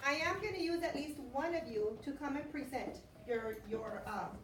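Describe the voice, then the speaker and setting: A woman with a very high voice teaches a class of young children. She prompts them with questions and repeated instructions. The recording is distant and roomy, with clear noise around her. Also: animated, normal speed. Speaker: elementary school teacher. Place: indoor school classroom.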